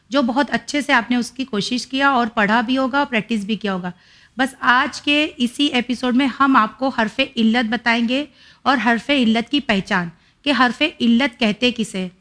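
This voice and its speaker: A woman's voice: fairly high pitch, fairly bright tone. A woman hosting a reading lesson for children. She explains step by step and patiently draws out and repeats syllables to show how long each sound should be held. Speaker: Quran reading teacher and host.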